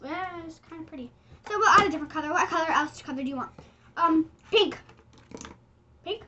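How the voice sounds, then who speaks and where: A young girl talks through a homemade slime video in a casual, teasing way. Her voice sits high and bright, with lots of movement in pitch. A faint hiss of noise runs behind her. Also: fairly quick, muffled recording. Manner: goofy, bossy, teasing, chatty. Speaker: slime-making vlogger. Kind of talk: casual chat.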